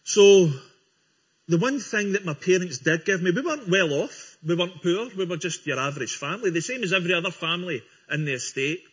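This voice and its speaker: In a dull lo-fi recording, a Scottish guest speaker tells a congregation his church testimony, earnest and friendly, with small restarts. His husky voice sits high, sounds expressive, and moves fairly quickly.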